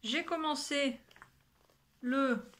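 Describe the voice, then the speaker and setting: A woman talks casually through her sewing and knitting projects, rambling as she goes and swearing lightly now and then. Her voice sits a little high and sounds bright and forceful. She sometimes drops into a quiet whisper. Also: drawn-out words, a little hiss or hum. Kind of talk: casual chat to camera.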